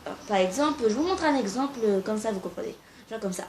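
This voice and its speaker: A woman's voice: medium pitch, animated, fast, a little mellow. A young woman talking casually to camera and giving amateur singing tips, informal and a little hesitant, with frequent fillers.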